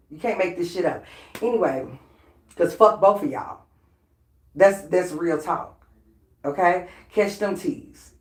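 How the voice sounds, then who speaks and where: A woman with a voice on the lower side rants casually to the camera. She talks bluntly and profanely, with a shady edge and laughs between lines. Her voice rings in a roomy, echoey room. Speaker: vlogger. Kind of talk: casual unscripted rant.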